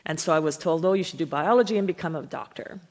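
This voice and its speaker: A woman's voice: low voice, quick pace, darkish tone. Woman speaking in a reverberant hall. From Barbados. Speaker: keynote speaker, professor. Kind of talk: conference talk, personal story. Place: large auditorium.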